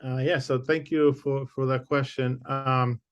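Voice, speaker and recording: A man from the Dominican Republic, a native Spanish speaker and literature professor, answering interview questions in a thoughtful, halting way. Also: medium pitch, level tone, clear, resonant tone, dry recording, highs cut off. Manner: thoughtful, halting, many fillers and restarts. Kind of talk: interview conversation.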